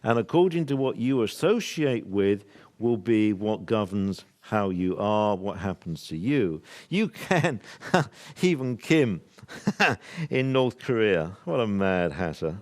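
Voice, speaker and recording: A man's voice: on the low side, darkish tone. An older man from the UK giving an earnest, rambling workshop talk to a live audience. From United Kingdom. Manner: earnest, emphatic, rambling with laughs and restarts. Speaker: workshop speaker.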